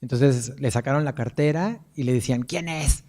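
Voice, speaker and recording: A man's voice: mid-range voice, normal speed, warm tone. A man with a Mexican accent giving a lecture, telling anecdotes in a chatty way with frequent tag questions. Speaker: guest lecturer, performance artist.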